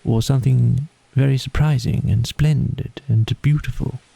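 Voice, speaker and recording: A man's voice: medium pitch, fairly even intonation, normal speed, vocal fry, dark tone, husky, no echo. A man voicing a dreamy, languid, poetic male water rat in a storybook, with a murmuring, rapt manner. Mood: sleepy contentment.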